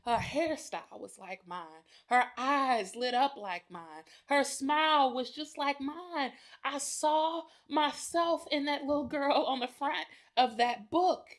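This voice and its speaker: Woman podcast host with a slightly high voice, casual and heartfelt, who addresses listeners directly as y'all. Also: slow, hardly any pauses. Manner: chatty, addresses listeners as y'all, laughs often. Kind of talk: personal reflective address.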